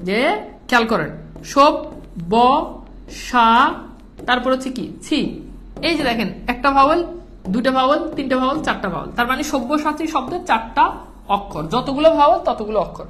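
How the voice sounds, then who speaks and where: Woman, Bangladeshi accent, online class lecture, checks on students, slightly high pitch, faint noise. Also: animated, quick pace, fairly bright tone. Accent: Bangladeshi Bengali. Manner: patient, repeats points, checks on students often. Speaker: teacher.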